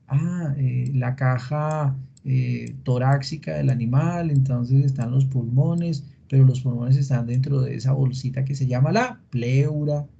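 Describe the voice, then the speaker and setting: Guy teaching an online vet class, really dark husky tone, dull lo-fi call audio. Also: medium pitch. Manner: explanatory, asks students questions, frequent fillers. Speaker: veterinary lecturer. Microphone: computer mic in a video call. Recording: dull lo-fi meeting recording.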